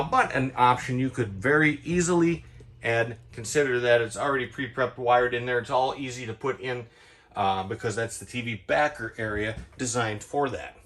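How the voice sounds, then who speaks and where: A man giving a chatty, quick sales walkthrough inside a travel trailer, tossing in playful sound-effect asides. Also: mid-range voice, fairly bright tone. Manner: talks quickly, cramming in details. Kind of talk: product walkthrough tour.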